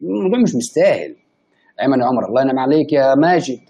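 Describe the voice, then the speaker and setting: An Egyptian man in his late twenties chatting live with viewers and reading their comments, excitable and quick to burst into indignant protest. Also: medium pitch, slightly rough, low-quality recording. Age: late 20s. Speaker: live streamer.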